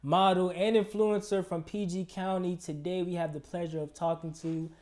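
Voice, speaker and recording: A man's voice: sits high, flat delivery, moderate pace, a little mellow. A man hosting a casual interview in a recording studio, asking easygoing, loose questions. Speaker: interview host.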